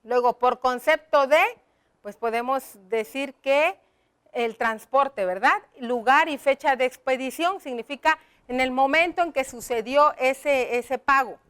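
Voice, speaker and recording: Woman teacher, high pitch, slow explanatory delivery for young pupils. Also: fairly bright tone, clear, resonant tone. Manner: slow, explaining step by step, addressing children. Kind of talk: classroom lesson.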